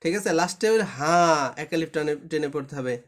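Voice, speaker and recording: High-pitched male tutor, drilling reading rules over an online class and checking that students follow. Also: rapid-fire, a little mellow. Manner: patient, repetitive, often checks understanding. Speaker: Quran recitation teacher. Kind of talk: live online class instruction. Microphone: online live class.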